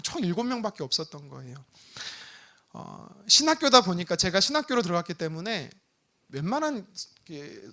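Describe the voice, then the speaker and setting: A male pastor preaching a Sunday sermon, telling a personal story with acted-out prayers. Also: high-pitched. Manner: animated storytelling with prayer re-enactments.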